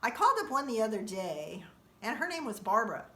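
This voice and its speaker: A woman telling a comic monologue about her daily life, acting out quoted lines in a sudden high, loud voice. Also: very animated, a little fast, far from the mic. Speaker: comedian. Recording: echoey room.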